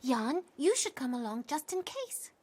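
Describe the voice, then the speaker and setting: An actress playing an eager, naive and ambitious young housemaid, excitable and pushy, in animated drama style. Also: female voice, high-pitched, normal speed. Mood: breezy, confident. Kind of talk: animated drama dub acting.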